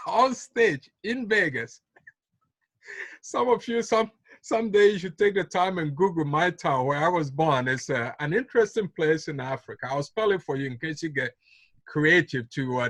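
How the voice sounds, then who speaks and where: On a call, a Ghanaian business trainer delivers a motivational talk, recorded dry, his pitch fairly high. He chuckles often, tells stories, and keeps circling back to key phrases.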